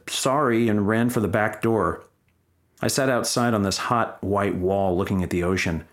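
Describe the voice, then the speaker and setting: Low-voiced man telling wry, profane stories. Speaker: memoir reader. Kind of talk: first-person comic storytelling.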